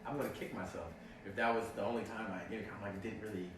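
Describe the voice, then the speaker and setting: A young man telling a story in casual chat, animated and full of "like", acting out his own reactions. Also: lowish voice, fast talker. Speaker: actor telling a story on a livestream. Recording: echoey, distant mic, faint noise.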